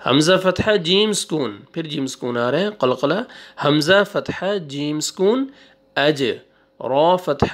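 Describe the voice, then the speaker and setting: A male Quran teacher spelling out syllables one by one, drawing out the recited words and giving quick asides between them. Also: fairly high pitch. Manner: slow drawn-out recitation, then quick asides. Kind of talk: spelling out syllables in a reading lesson.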